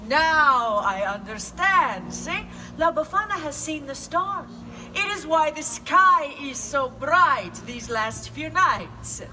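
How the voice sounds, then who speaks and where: Woman playing La Befana, a high-voiced Italian witch. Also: expressive, takes it slowly, distant mic, background noise. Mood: storytelling. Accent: Italian (put on). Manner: theatrical, coaxing, asks the audience questions. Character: kindly old Italian witch, the gift giver. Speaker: storyteller for children. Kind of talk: live in-character storytelling.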